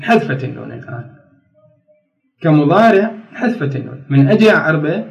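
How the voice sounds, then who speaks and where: A man with an Iraqi Arabic accent teaching a grammar lesson, going step by step and often checking whether his students follow. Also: on the high side. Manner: reads rules from a book slowly, then explains. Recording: roomy, distant and dull.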